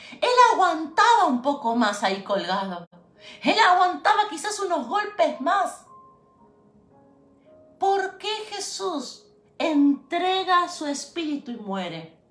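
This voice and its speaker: A woman pastor preaches in a high voice, slow and deliberate. She presses her points through repetition and speaks straight to her listeners. The echoey hall carries her voice around the room. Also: a bit bright. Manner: emphatic preaching with repeated phrases and direct address. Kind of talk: sermon.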